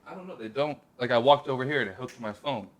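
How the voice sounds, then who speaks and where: Co-hosting a casual comedy podcast, a man talks quickly in a mid-range voice, cracking jokes and explaining things at length. He's recorded on headphones over a remote call setup.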